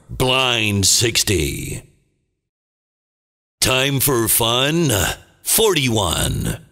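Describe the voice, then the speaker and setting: A man playing a booming, dramatic movie trailer announcer, calling bingo in short theatrical phrases with a gravelly voice. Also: pushed and bright, heavily acted. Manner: theatrical, deliberate, clipped phrases. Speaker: bingo caller. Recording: long booming reverb.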